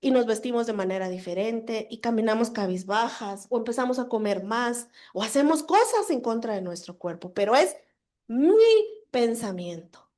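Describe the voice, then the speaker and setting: Conference speaker: Guatemalan woman, high-pitched, animated and confiding with her audience. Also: normal speed. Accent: Guatemalan Spanish. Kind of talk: storytelling talk to an audience. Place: conference hall.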